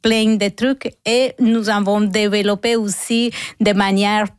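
Woman on a studio mic, slow and halting, clear and smooth, dry sound; cleaning worker as radio guest. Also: mid-range voice, flat delivery, no room sound. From Colombia. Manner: hesitant, searching for words with many fillers. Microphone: studio microphone.

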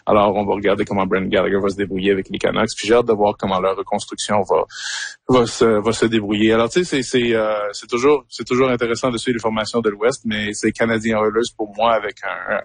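A man's voice: fairly low pitch, flat delivery, quick pace, creaky, breathy edge, dry recording. A man in his fifties with a Québécois accent, talking casually as a radio guest, hesitant with many fillers and repeated words. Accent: Québécois French. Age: 50s. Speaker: guest, hockey fan.

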